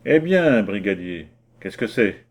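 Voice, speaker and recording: A man's voice: fairly low pitch, sing-song, slow pace, heavily acted. A man reading a pompous stern village mayor. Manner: curt, indignant commands.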